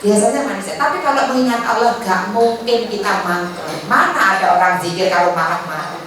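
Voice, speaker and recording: A woman's voice: medium pitch, fairly quick, a bit bright. A woman with a Javanese accent teaching an Islamic study session, chatty, acting out little dialogues and mixing in Javanese phrases. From Indonesia. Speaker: religious teacher. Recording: echoey hall, far mic, faint noise.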